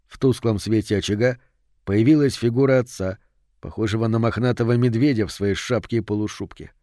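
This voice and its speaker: A man narrating an audiobook in a measured, suspenseful way. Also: lowish voice, dark tone, dry recording, clean studio sound.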